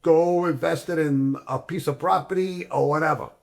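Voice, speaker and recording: A man's voice: a little high, fairly even intonation, moderate pace, gravelly, a little mellow. A man in casual chat on a barbershop show, insistently repeating warnings and swearing freely. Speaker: regular on a barbershop talk show.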